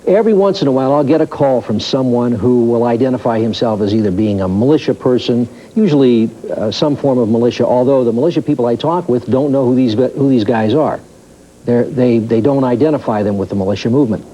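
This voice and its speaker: A man's voice: mid-range voice, a little fast, warm tone. Earnest male radio host being interviewed. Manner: earnest, with restarts and repeated words. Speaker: radio talk show host, studio guest. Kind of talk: interview answers. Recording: muffled lo-fi 1990s TV audio, faint hiss.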